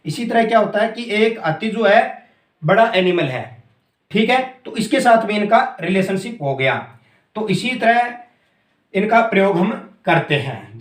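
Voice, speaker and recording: A man's voice: high-pitched, echoey room. A man teaching English grammar in a classroom-style lesson, explaining step by step and often checking that students follow. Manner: explains step by step, keeps asking "clear?".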